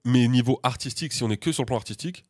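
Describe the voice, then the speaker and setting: French podcast dude, slangy and jokey, talks super fast, dry close sound. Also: male voice, medium pitch, no echo. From France. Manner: slangy, joking, quick-fire opinions. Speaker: podcast co-host. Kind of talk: casual chat.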